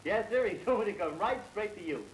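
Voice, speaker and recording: An actor playing an eager young male reporter in an early sound film, fast and effusive, laughing between his lines. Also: sits high, animated. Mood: flattering. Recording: echoey early-1930s film soundtrack with hiss.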